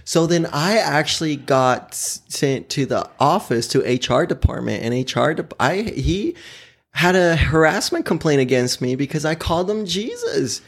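A man's voice: a little high, big pitch swings, moderate pace, slightly rough. A young man from Oklahoma telling candid personal stories in casual conversation, laughing often and swearing freely. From Oklahoma, USA. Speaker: podcast guest.

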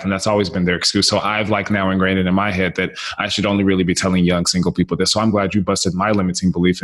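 A man's voice: deep voice, a bit bright. A man hosting a podcast, enthusiastic and encouraging toward his guest. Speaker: podcast host. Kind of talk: conversational interview.

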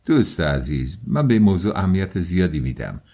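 A man's voice: low-pitched, very animated, dark tone, slightly rough, full character voice. A man reading the lines of an eager, talkative young friend who fusses over a sick companion in an audiobook. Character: cheerful fussing young male friend.

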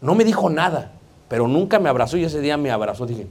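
A man's voice: on the high side, lively intonation, fast, darkish tone. A man with a Mexican Spanish accent preaching a sermon in a conversational, joking way, often calling out to the congregation. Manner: conversational, joking, keeps addressing the congregation as brothers.

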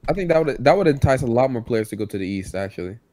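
A man's voice: mid-range voice, expressive, fast, a crowd in the background. A young man in casual sports banter on a podcast, slangy and boastful. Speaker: podcast panelist.

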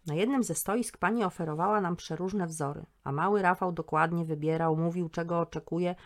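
A woman host narrating her own story episode in a calm, gently ironic way. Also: fairly low pitch, fairly quick.

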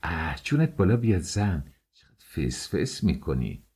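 A man's voice: sits low, sing-song, a little mellow, husky, exaggerated voice. A man reading an audiobook, voicing a worried older mother who scolds and asks fretful questions. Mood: anxious. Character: worried older mother, sharp-tongued and anxious.

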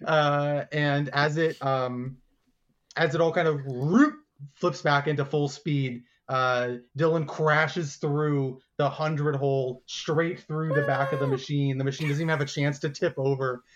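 A man narrating a tabletop game as game master, animated and laughing as he describes the scene. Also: a little high, highs cut off. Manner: animated, laughing, doing quick voices for crowd figures.

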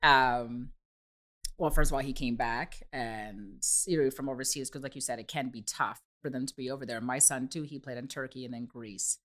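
A woman hosting an interview, chatting warmly about her own son and laughing often. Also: a bass voice, normal speed. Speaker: interview host. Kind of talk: conversational interview chat.

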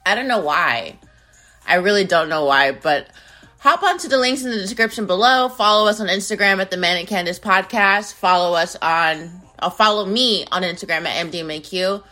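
A woman in her twenties hosting her own podcast in casual, playful chat that swings between loud bursts and low mumbles. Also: animated, normal speed. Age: 20s. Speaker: podcast host. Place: home in Arizona. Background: music beat playing.

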